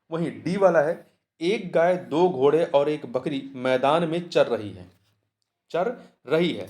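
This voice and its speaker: A man with a somewhat high voice leads a Hindi test practice lesson. He goes through each answer step by step, asks questions aloud and answers them himself, repeating key words. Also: a little mellow. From India. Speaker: Hindi exam tutor. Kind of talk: exam answer walkthrough.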